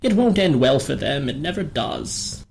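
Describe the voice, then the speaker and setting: A woman voicing a mischievous male spirit of chaos in a dramatic comic reading, with gravelly, mock-sweet, hammy stage-actor delivery. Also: low voice, very animated, unhurried, a little mellow, a little hiss or hum, heavily acted. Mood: anguished.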